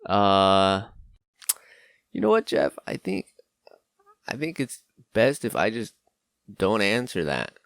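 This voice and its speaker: A man doing a slow, hesitant voice for an awkward, gloomy character. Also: lowish voice, sing-song, creaky, a bit bright, clean tone, no echo, studio quality, pitched below the performer's own voice, exaggerated voice.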